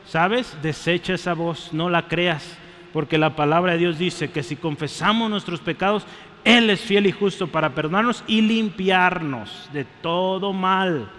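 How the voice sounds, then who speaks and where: A man preaching to his congregation in a high, bright, forceful voice. He speaks with energy and keeps calling out to the people in front of him. His voice rings through a church with a long reverb. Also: measured pace. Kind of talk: sermon.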